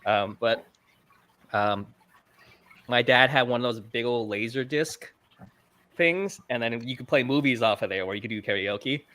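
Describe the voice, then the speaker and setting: This guest, a videographer for a fish channel, speaks unhurriedly at medium pitch with a fairly bright tone, pausing often. Over a video call mic on a livestream interview, he chats casually about filming, with many fillers and jokes at his own expense.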